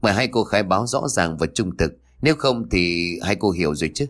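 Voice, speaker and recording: A man's voice: low-pitched, animated, fairly quick, fairly bright tone. A man voicing a stern, formal male police officer questioning suspects.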